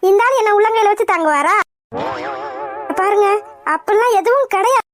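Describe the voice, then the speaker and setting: A woman's voice: extremely high pitch, animated, normal speed, soft background music. A woman voicing a young widowed doctor in a cartoon, speaking earnestly and defiantly. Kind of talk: cartoon voice acting.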